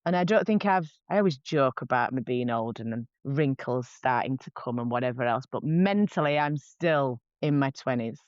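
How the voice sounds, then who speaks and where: Her voice is extremely low-pitched and darkish, with lively intonation, a moderate pace, hardly any pauses, and no room sound. She's a face painter in her 40s, a podcast guest chatting candidly and frankly with many restarts. The lo-fi podcast recording sounds dull and dry.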